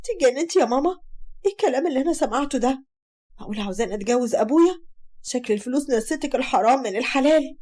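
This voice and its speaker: A woman's voice: high voice, rapid-fire, a little mellow, slightly rough. A woman with an Egyptian accent voicing a defiant, hurt young woman who speaks indignantly. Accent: Egyptian Arabic.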